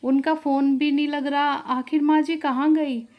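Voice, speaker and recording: A woman's voice: high-pitched, little pitch movement, a little slow, lo-fi sound, pitched above the performer's own voice. A woman voicing a caring, anxious young daughter-in-law in a storybook tale, speaking earnestly. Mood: worried.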